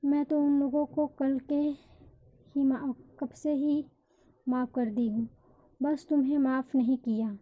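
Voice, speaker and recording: A woman voicing a gentle, forgiving young woman who speaks softly and consolingly. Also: high voice, fairly even intonation, slow, long pauses, narrow, tinny audio. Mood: teasing.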